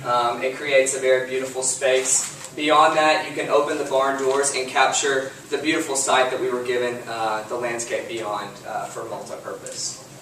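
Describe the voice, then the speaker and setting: Picked up by a distant microphone in a highly reverberant room with a faint hiss, a young man from Lufkin, Texas, gives a class project presentation. He steps through each slide methodically, leaning often on uh and um. His pitch is medium with little movement, and his tone is a bit bright.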